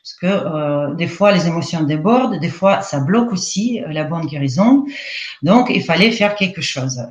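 Russian woman guest, accented, halting, lo-fi roomy audio. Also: on the low side, expressive. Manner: hesitant, many fillers. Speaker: guest, EFT practitioner. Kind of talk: casual live interview. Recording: roomy, dull lo-fi sound.

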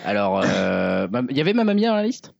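A man's voice: lowish voice, wildly swooping pitch, a little fast, gravelly. A man in casual banter with friends, joking, swearing freely and laughing often. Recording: dull lo-fi recording.

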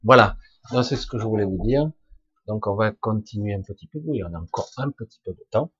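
Husky-voiced man in an informal spiritual talk. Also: lowish voice, animated, fairly bright tone, no echo, highs cut off. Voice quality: husky, rough voice. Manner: halting and emphatic, with colloquial swearing and sound-effect words. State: coughing now and then. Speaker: spiritual teacher answering listeners' questions live.

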